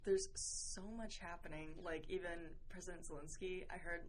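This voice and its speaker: A teenage girl hosting a student podcast in casual chat, rambling with lots of fillers and often trailing off softly. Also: on the low side, steady tone, a little fast, background noise. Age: teens.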